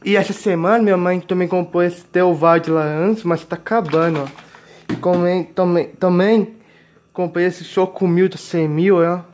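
His voice high but darkish, steady and unhurried, a Brazilian-accented young man in his late teens walks through a grocery haul in his home kitchen. The casual vlog chat is repetitive and dotted with filler tags, with plastic bags crinkling clearly.

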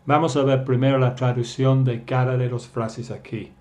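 A man teaching a beginners' English lesson, speaking slowly and carefully and repeating each phrase so learners can copy it. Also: medium pitch, flat delivery, a little mellow. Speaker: language teacher.

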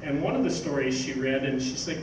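An older man with a mid-range voice talks briskly on an indoor theatre stage, a magazine editor giving an informal live talk from notes. His stand-mounted stage mic is picked up by a faraway camera, so the recording sounds distant, echoey, roomy and noisy.

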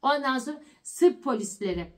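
High-voiced middle-aged woman telling a story. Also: moderate pace. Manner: animated, repeats words for emphasis. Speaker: family vlogger. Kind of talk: casual storytelling vlog.

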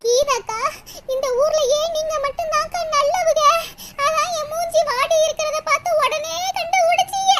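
A woman's voice: very high-pitched, moderate pace, fairly bright tone, slight background noise. A woman voicing a sweet, tearful young village woman in a cartoon comedy, pleading and sobbing as she confides in an older neighbor. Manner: pleading, sobbing, calls elder "akka". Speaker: cartoon character voice.

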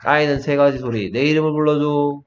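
A man's voice: on the high side, steady tone. Male pronunciation tutor, one-on-one, drills sounds over and over, lo-fi recording. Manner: drills sounds slowly, then faster, asks the student to repeat. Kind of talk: one-on-one phonics lesson. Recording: dull, lo-fi sound.

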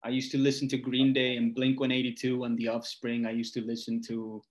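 Speaking a little fast in a monotone, medium-pitched voice, an Argentine man from Buenos Aires chats as a guest singer-songwriter in a casual interview. He keeps it informal, spins stories, and leans on "like" and "you know."

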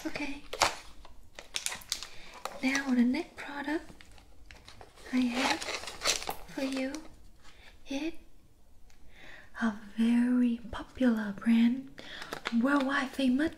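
A young woman playing a pushy shopkeeper in an ASMR role-play, soft-spoken and breathy with a Vietnamese accent and clipped broken-English sales patter. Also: high voice, fairly even intonation, very slow, long pauses, background noise. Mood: insistent, soft. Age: young adult. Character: pushy, persuasive female Vietnamese shopkeeper selling sleep remedies. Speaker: ASMR performer.

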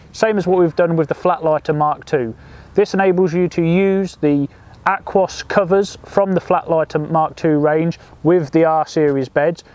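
A young man presenting fishing gear outdoors, explaining its features in a steady, scripted way. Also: fairly high pitch. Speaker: product presenter. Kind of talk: scripted product demo. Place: outdoors by a lake among trees.

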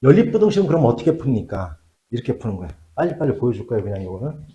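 Lively man teaching math in an echoey room. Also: medium pitch, racing, highs cut off. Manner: lively, asks checking questions, drops to mutters while writing. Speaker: math tutor. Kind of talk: classroom math lesson.

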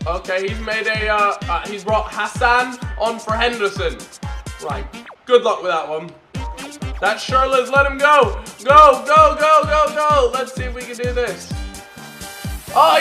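A young man giving excited, casual gameplay commentary with animated, jokey banter and exclamations. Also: high voice. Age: young adult. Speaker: gaming video host. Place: bedroom, indoors. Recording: echoey room, music behind. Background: music.

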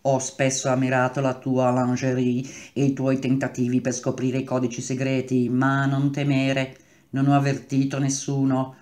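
A man's voice: mid-range voice, monotone, moderate pace, darkish tone, natural voice. A man voicing a scheming male traitor villain in a read-aloud novel, taunting and drawn out. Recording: roomy echo.

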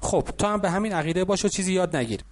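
A man voicing a wealthy, confident older mentor who lectures calmly in an audiobook. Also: sits high. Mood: lecturing.

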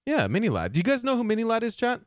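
A man's voice: very high voice, huge pitch swings, racing, dry recording, clean studio sound. A man streaming who chats in a friendly way with his viewers. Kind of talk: casual chat with viewers.

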